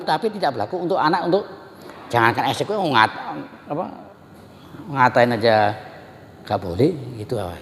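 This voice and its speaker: A man teaching a religious study class in a lively, joking way, often turning to address his listeners directly. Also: mid-range voice, a little hiss or hum. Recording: long hall reverb.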